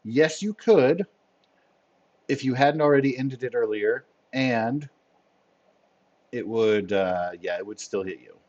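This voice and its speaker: A man's voice: medium pitch, lively intonation, slow pace, pauses often, a little mellow. Playful man running a tabletop game. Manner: playful, laughs often. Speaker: game master. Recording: dull lo-fi sound.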